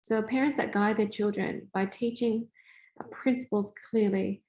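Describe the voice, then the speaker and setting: In this low-quality clip, a woman from Australia talks at a normal speed in a mid-range voice. Working as a spiritual coach, she keeps the teaching casual and chatty, voicing family conversations with plenty of liveliness.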